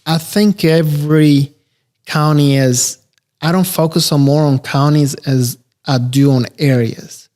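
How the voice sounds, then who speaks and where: A man, a real estate investor talking casually as a podcast guest, relaxed and rambling with many fillers. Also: a little high, measured pace. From Albania. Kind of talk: casual interview conversation.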